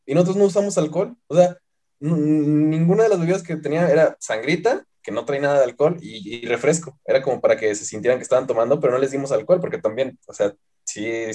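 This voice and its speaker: Fast-talking slangy Mexican young man. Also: mid-range voice, dark tone. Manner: slangy, rambling, swears freely. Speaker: podcast guest. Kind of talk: casual chat.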